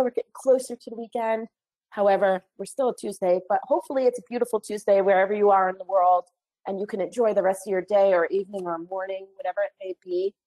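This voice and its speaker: A woman trainer closing an online training webinar, a little hoarse from a cold, chatty and friendly with apologetic asides, speaking into a computer mic. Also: mid-range voice, darkish tone, rough recording.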